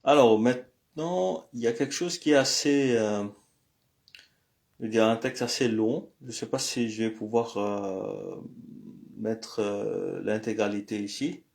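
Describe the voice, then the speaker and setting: Slow, hesitant man teaching. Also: lowish voice, lively intonation, gravelly, darkish tone. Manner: slow and hesitant, many pauses and "euh". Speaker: language teacher. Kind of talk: screen-recorded lesson.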